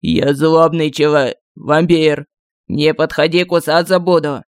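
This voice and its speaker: Irritable male vampire townsfolk, played by a woman who snap and shoo away an unwanted guest. The voice is smooth and clear, in a close, dry recording. It suits a comic fantasy audiobook. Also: sits low, steady tone, unhurried, dry recording. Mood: hostile. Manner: brusque, shouting people away. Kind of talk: audiobook character voicing.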